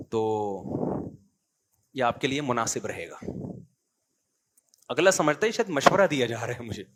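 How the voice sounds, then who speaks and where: ایک مرد مبلغ جو گفتگو کے انداز میں بیان کرتا ہے۔ وہ کبھی دھیمی آواز میں قصہ سناتا ہے اور کبھی زور دے کر سامعین سے سوال پوچھتا ہے۔. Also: male voice, mid-range voice. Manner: storytelling, swings from quiet asides to emphatic preaching; asks the audience rhetorical questions. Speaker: Islamic preacher. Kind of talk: conversational sermon.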